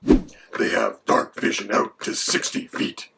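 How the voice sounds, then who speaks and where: A man voicing a menacing male dragon who co-hosts, with a gravelly, whispery voice. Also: takes it slowly, close to an everyday voice. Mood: matter-of-fact. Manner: mock-menacing, then lecturing in turn with the host. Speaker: co-host. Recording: background noise.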